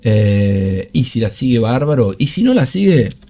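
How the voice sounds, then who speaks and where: A man with a Rioplatense Spanish accent hosting a live trading stream, talking fast about charts. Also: medium pitch. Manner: fast, animated talker.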